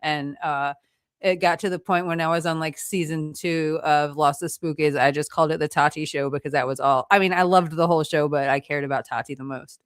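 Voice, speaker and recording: A woman's voice: low voice, fairly even intonation, clear, resonant tone, dry recording, clean studio sound. A woman in casual podcast chat, enthusiastic and chatty about a show she loves. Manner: enthusiastic, chatty, quick agreeing replies. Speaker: podcast co-host.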